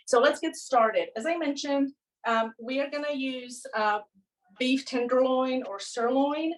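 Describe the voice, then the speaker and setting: A woman's voice: sits high, unhurried, rough recording. Middle-aged woman demonstrating a dish. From Czech Republic. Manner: relaxed, explains while working, with fillers. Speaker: cooking instructor. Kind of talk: cooking demonstration. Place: home kitchen. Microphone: phone camera.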